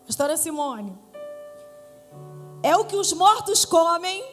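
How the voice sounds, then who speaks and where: A woman pastor with a Brazilian accent preaching a Pentecostal sermon, playful with the congregation and rising to shouts. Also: very high-pitched, expressive, slow. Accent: Brazilian Portuguese. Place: church hall with live congregation. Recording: church hall reverb with faint music.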